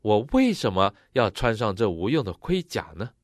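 A man interpreting a sermon phrase by phrase, matching the preacher's expressive delivery. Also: lowish voice, moderate pace, no room sound, studio quality.

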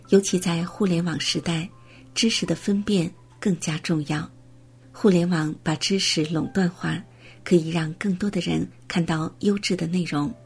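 A woman reading a prepared text as scripted narration, in a steady, measured way. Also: on the low side, creaky, slightly rough.

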